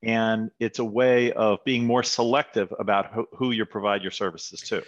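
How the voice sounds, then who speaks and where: Male interview host, low voice, friendly, muffled lo-fi recording. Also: steady tone, normal speed. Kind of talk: conversational interview. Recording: dull lo-fi audio.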